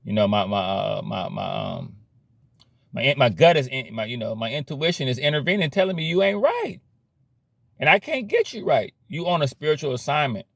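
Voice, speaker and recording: A man's voice: medium pitch, wildly swooping pitch, moderate pace, vocal fry, a bit bright, dry recording, clean studio sound. A man giving a blunt, slangy motivational rant about cutting problem people out of your life, repeating himself as he preaches. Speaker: motivational vlogger.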